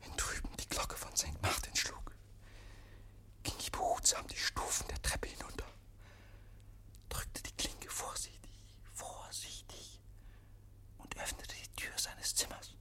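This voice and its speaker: In a noisy 1950s German radio drama, a male actor voices a crazed murderer tormented by guilt. His bright, strained delivery halts and repeats, swinging between breathless whispers and shrieks, with a haunted, insistent mood.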